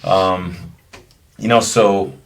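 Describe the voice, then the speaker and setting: A man's voice: low voice, steady tone, very slow, creaky. A man hosting an interview, asking questions eagerly with plenty of fillers. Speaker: host. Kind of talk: casual interview. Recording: faint background noise.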